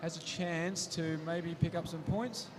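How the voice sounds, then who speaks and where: Male play-by-play caller with a raised tone, long arena reverb behind loud venue noise. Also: a little high, fairly even intonation. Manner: brisk play-by-play, drops quiet and slow for injury stoppage. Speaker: roller derby commentator. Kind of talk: live sports commentary. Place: roller derby arena. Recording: echoey sports hall, loud crowd ambience.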